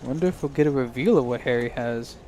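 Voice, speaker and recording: A man's voice: medium pitch, fast, a little mellow, a little hiss or hum. A man giving live poker commentary in a chatty way, thinking aloud as he reads the hands.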